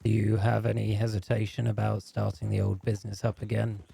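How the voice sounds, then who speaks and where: A man speaking in character in a roleplay game, calm, firm and matter-of-fact. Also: lowish voice, brisk, creaky, breathy edge. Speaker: roleplay gamer.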